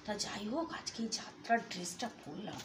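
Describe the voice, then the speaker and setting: A woman's voice: mid-range voice, lively intonation, brisk, noisy background. A woman vlogging casually to a phone camera in a small room at home, playful and chatty, her voice a little stuffy from a cold. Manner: chatty, playful, talks softly at times. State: has a cold, sore throat.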